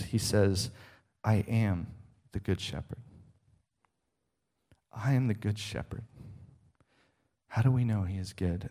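A man's voice: on the low side, darkish tone. A middle-aged man preaching a sermon, emphatic and rhetorical, often checking in with the listener.

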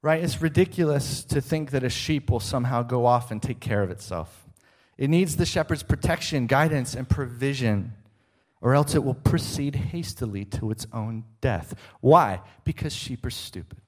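A man's voice: mid-range voice, expressive, moderate pace. Emphatic middle-aged man preaching. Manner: emphatic, rhetorical questions. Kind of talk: sermon.

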